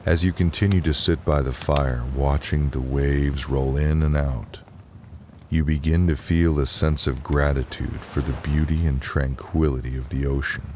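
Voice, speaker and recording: With slight background noise behind him, a very deep-voiced man narrates slowly and calmly, offering soothing guided relaxation and bedtime storytelling.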